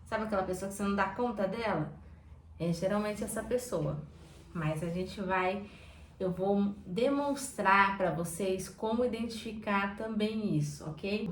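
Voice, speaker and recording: A woman with a Brazilian Portuguese accent coaching viewers on their emotions, lively and talking straight to them, acting out everyday examples. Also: medium pitch, a little slow. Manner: animated, acts out examples and talks straight to viewers. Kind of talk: informal teaching talk to camera. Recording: echoey room with faint background noise.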